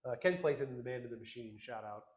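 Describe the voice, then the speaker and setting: A man's voice: medium pitch, fast, echoey room. A man co-hosting a casual livestream, reading out chat comments in an upbeat, slangy, rambling way.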